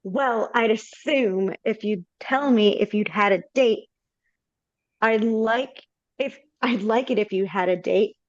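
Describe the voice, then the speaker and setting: In a live video-call read-through, a woman reads the stage directions and the stepmother's lines plainly and matter-of-factly. Her voice is medium-pitched and slow, and the video-call audio is dull and dry.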